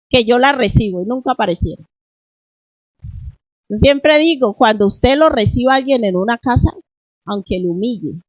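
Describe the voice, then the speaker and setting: A woman's voice: medium pitch, no room sound, rough recording. A middle-aged woman pastor preaching a sermon in church, asking the congregation question after question. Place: church in Spain.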